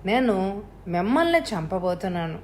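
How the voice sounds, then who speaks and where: A woman voicing a calm, cold-blooded young male killer with a harsh, unhurried, menacing voice. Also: medium pitch, a little hiss or hum, natural voice.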